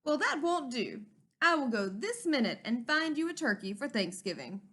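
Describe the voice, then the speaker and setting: A woman's voice: high voice, big pitch swings, normal speed, pushed and bright, slightly rough, full character voice. Woman reading as a kindly, eager storybook moose husband. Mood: determined. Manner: earnest, emphatic, hearty.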